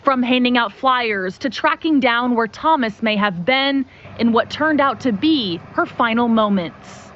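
A woman field reporter narrating a local TV news story in a measured, clear delivery. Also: a little high, animated, a bit bright, dull audio, a little hiss or hum.

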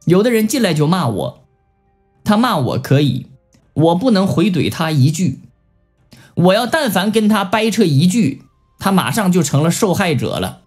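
Husky guy teaching buddhist scripture, voice goes up and down a lot, faint music behind. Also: high voice, moderate pace. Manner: animated storytelling with acted-out quotes. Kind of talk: recorded Buddhist scripture lecture.

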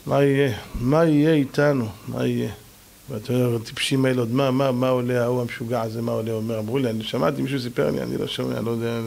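A man preaching as a rabbi, telling stories in an animated way, acting out the quoted voices and calling out to his listeners. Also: medium pitch, vocal fry. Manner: addresses listeners directly as gentlemen. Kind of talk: storytelling sermon.

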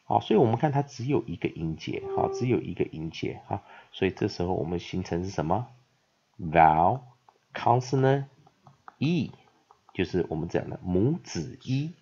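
Lively low-voiced male language teacher. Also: gravelly, slightly rough. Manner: lively, repeats words slowly, many filler "ah" sounds. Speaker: English teacher. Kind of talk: vocabulary pronunciation lesson. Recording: dull lo-fi audio.

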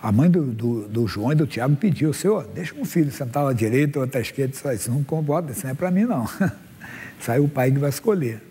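A man's voice: mid-range voice, animated, fast, warm tone, a little hiss or hum. A man in his sixties, a pastor preaching a sermon from the stage to his congregation, reading Bible verses aloud and asking them questions. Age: 60s. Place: church stage before a congregation. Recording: long hall reverb.

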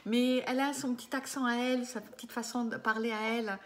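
A woman in her fifties talks fast, with a fairly even intonation and a voice on the high side, as she gives a medium's live reading to a client. Working over a desk webcam in a small room, she hesitates, uses many fillers, and checks in with the listener.

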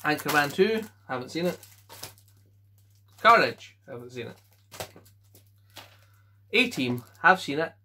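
A Scottish man casually going through his film collection at home, giving offhand quick verdicts and chuckling to himself. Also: a little high, animated, pushed and bright, a little hiss or hum. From Scotland. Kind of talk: casual chat.

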